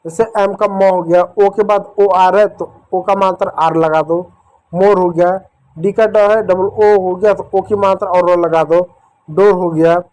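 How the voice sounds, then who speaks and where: A man teaching children a phonics lesson, going slowly through each letter sound. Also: high voice, fairly even intonation, a little mellow. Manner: slow, repetitive, drills each letter sound step by step.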